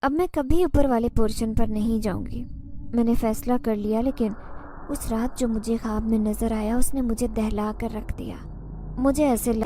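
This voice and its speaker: A woman's voice: fairly high pitch, dark tone, a little hiss or hum. Woman narrating a horror story tensely.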